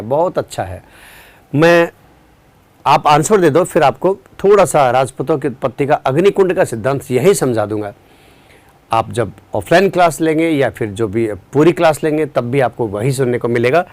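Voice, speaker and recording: A male teacher running a live online exam-prep class, explaining at a relaxed, unhurried pace, quizzing students and answering their chat, tired at the end of a long day. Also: mid-range voice.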